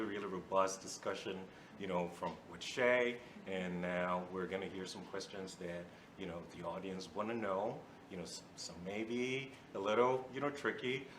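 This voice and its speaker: A man's voice: low-pitched, moderate pace, fairly bright tone, echoey room, a little hiss or hum. A young man from Ghana, a student moderating a Q and A, speaking hesitantly with many fillers. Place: event hall.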